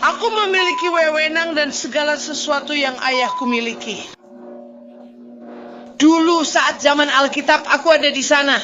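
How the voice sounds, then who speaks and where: A woman's voice: sits high, normal speed, dull audio, over music. A woman talking in an agitated, rambling and defiant way in a dubbed bodycam exchange. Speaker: detained woman.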